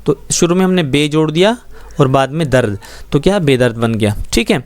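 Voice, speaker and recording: A man's voice: a little high, animated, no room sound. A man teaching a schoolbook Urdu lesson, explaining words patiently and often checking that students follow. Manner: patient, explains slowly with frequent check-ins.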